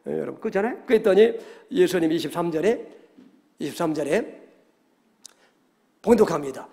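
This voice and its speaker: A male pastor preaching a Sunday sermon, animated, often checking in with the congregation and acting out quoted voices. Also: on the high side, moderate pace, vocal fry. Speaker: senior pastor. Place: church sanctuary. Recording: long church hall reverb.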